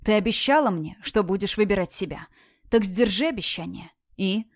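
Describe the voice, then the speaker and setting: A woman's voice: mid-range voice, lively intonation, normal speed, no echo, clean studio sound, natural voice. A woman voicing a badly wounded young man who speaks firmly and tenderly, in an audiobook reading. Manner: firm, pleading.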